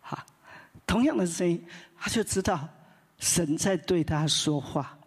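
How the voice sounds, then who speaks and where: A woman pastor telling a story in a sermon, in a conversational way, often tagging her phrases with a soft "ha" and restarting her sentences. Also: fairly low pitch, a little slow, breathy edge. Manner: lively retelling with many restarts. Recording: long hall reverb.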